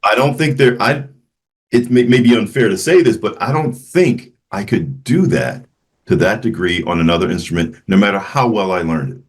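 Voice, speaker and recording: Low-voiced man, halting and thoughtful. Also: expressive, husky. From Memphis, Tennessee. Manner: reflective, halting with frequent restarts. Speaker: jazz flutist guest. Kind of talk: casual interview conversation.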